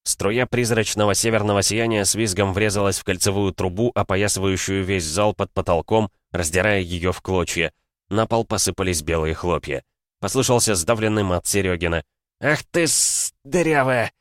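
A man narrating an audiobook in a steady, measured reading. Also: deep voice, no room sound. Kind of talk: audiobook narration of science fiction. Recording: dry close studio sound.

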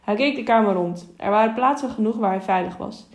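Steady woman audiobook narrator. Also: fairly high pitch. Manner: steady, measured reading with small self-corrections. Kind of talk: storybook narration.

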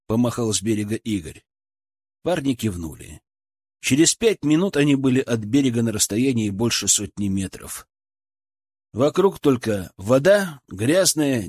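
Male audiobook narrator, husky, lively reading, dry close mic. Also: medium pitch, no echo.

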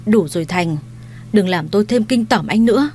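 A woman's voice: medium pitch, animated, moderate pace, dark tone, a little hiss or hum, lightly acted. A woman voicing a weary, defiant young wife. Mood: cold. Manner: cold, firm refusal.

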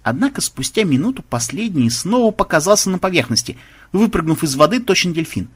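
A man reading an audiobook aloud with expressive, dramatic narration. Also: high-pitched, a little fast, breathy edge.

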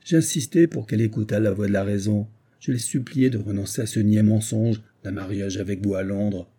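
A man's voice: lowish voice, brisk, dark tone, slightly rough. A man reading aloud, voicing a bitter and proud middle-aged widow who answers with cold haughtiness. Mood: defiant.

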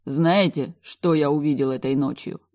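A domineering, sneering man in an audiobook, read by a woman who talks down to everyone with cold arrogance. The voice sits low and dark, with a mellow, unhurried weight behind the mockery. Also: steady tone, natural voice. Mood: haughty. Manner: haughty, sneering, rude. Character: arrogant mocking adult man, domineering bodyguard type. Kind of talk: audiobook character voice.

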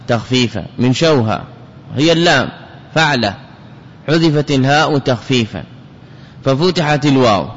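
A man teaching classical Arabic grammar as a scholar, repeating key words and putting questions to his students. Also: medium pitch. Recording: dull lo-fi recording with long hall reverb.

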